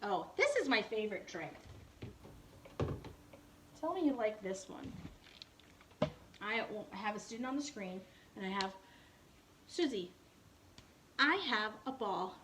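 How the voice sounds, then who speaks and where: A woman's voice: medium pitch, big pitch swings, unhurried, long pauses, noisy background. A woman who teaches English online gives a casual tour of her home classroom setup and keeps talking straight to her viewers. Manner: chatty, keeps addressing viewers with y'all and right.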